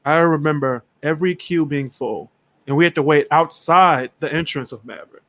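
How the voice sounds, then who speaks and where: A young man co-hosting a casual chat about rides, slangy and animated, breaking into mock screams. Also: on the high side, normal speed. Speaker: co-host.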